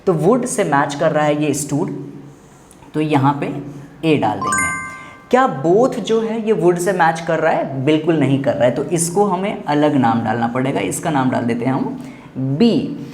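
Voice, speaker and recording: A man's voice: on the high side, big pitch swings, a little slow, a little mellow, faint music behind. A man with an Indian accent explaining a lesson step by step, repeating each point with emphasis and urging the viewer to look closely. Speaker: teacher. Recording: echoey room with faint background noise.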